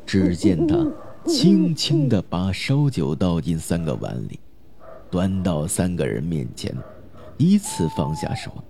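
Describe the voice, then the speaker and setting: A man narrating a spooky folk tale in a measured, dramatic way. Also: sits low, wildly swooping pitch, gravelly, a crowd in the background. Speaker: storyteller.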